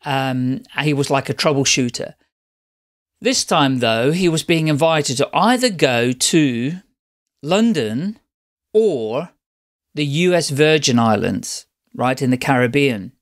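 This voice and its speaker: Chatting at length about his life, a middle-aged podcast guest from the Netherlands takes his time, speaking slowly in an animated, mid-range voice. His casual storytelling wanders and frequently circles back to restart.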